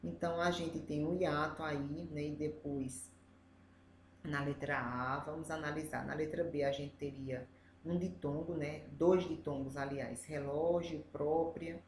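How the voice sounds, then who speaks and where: Brazilian woman teacher, low voice, methodical step-by-step explaining, echoey room with faint background noise. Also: steady tone, unhurried, darkish tone. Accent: Brazilian Portuguese. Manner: explains step by step, often adds "né?". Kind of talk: reviewing exercises for adult students.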